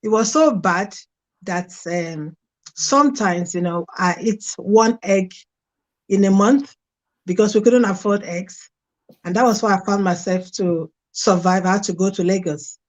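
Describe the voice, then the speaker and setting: Speaking at a measured pace in a mid-range voice, a middle-aged woman from Nigeria with a Nigerian accent frankly shares her life story as a guest in an interview. The audio sounds dull and lo-fi.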